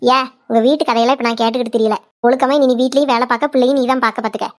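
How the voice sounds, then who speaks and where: A woman's voice: on the high side, steady tone, racing, no echo, studio quality, lightly acted. A woman voicing a scolding older village mother-in-law, in a cartoon. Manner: nagging, scolding. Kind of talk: cartoon voice acting.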